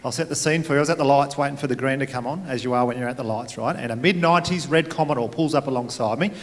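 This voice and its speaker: A man's voice: mid-range voice, rapid-fire. A young Australian man performing a stand-up comedy set, telling a story in a laid-back way with crude asides, on stage at a comedy venue. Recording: live room with long reverb, faint ambience.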